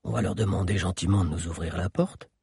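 A man voicing a huge teenage boy leader who speaks calmly and threatens in a low voice. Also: quick pace, creaky, husky, no room sound, clean studio sound, full character voice. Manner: calm, commanding, low menace. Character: giant teenage boy leader, bold and menacing.

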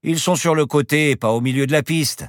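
A man's voice: a little high, brisk, no room sound, clean studio sound, voice pushed up, close to an everyday voice. A man voicing a boastful, eccentric professor who flies a plane and talks in grand, teasing phrases. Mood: calm grandiose. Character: boastful eccentric old professor pilot, playful.

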